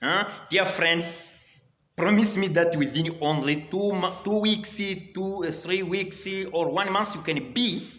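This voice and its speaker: A man's voice: high-pitched, a little slow, fairly bright tone, echoey room, rough recording. A man from Rwanda with a Rwandan accent, teaching English and urging viewers on, calling them dear friends again and again. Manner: repetitive, exhorting, keeps saying dear friends. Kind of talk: motivational language lesson.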